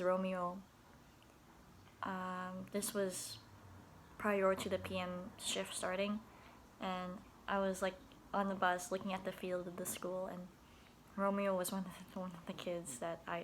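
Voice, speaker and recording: A woman's voice: on the low side, a little hiss or hum. A young woman telling a casual video diary about her day at after-school care, chatty and giggly, with many restarts and laughs.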